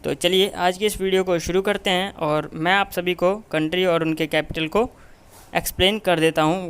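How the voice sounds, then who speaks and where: Man teaching in a flat, repetitive tone. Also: a little high, clean tone. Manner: repeats "ठीक है" and short checks constantly. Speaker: memory trainer teaching mnemonics. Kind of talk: explanatory tutorial lesson.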